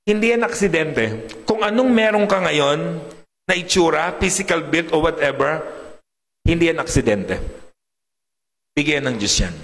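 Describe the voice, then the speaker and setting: A middle-aged male preacher with a big deep voice, preaching a sermon and joking with his congregation. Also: creaky. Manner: lively, joking with the congregation, mixing Tagalog and English. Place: church hall. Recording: reverberant hall.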